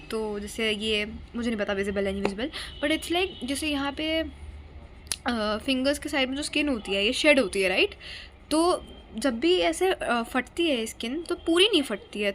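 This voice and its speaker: A woman's voice: on the high side, a bit bright, a little hiss or hum. A young woman telling a story casually to her phone camera at home, rambling and chatty, dropping English words into her talk. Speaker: vlogger.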